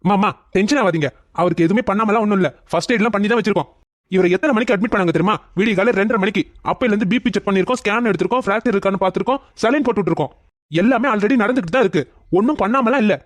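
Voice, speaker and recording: Cartoon role: a man playing a fast-talking, reassuring doctor, raised pitch. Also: no room sound, natural voice. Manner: reassuring, explaining. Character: calm hospital doctor, adult man.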